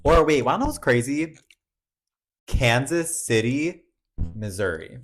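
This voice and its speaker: Lively young man gossiping, lots of "like". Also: medium pitch, a little slow, faint music behind. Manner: animated, filler-heavy, swears freely. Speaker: podcast co-host. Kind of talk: casual gossip chat.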